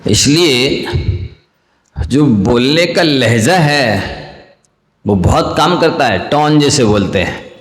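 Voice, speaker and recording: Male monk preacher, unhurried sermon delivery, repeats phrases, echoey reverberant hall. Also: medium pitch, lively intonation. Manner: slow, deliberate, repeats key phrases.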